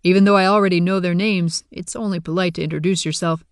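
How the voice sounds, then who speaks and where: A man's voice: high-pitched, steady tone, fast talker, clear, resonant tone, no room sound, studio quality. A man reading a first-person audiobook with wry, casual humor. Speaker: audiobook narrator.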